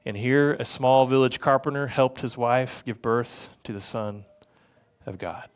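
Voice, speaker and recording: A man preaching a sermon from the pulpit, earnest and conversational. His voice sits at an ordinary middle pitch for a man, and his phrasing circles back on repeated words as he builds a point. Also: measured pace, clean tone. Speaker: lead pastor.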